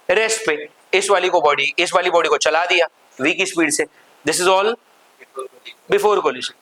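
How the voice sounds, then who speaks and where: A man's voice: fairly high pitch, pushed and bright, rough recording. A man teaching a physics lesson, quizzing his students at every step and mixing English terms into his explanations. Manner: asks the class constant check questions, mixes Hindi with English terms. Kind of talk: classroom lecture.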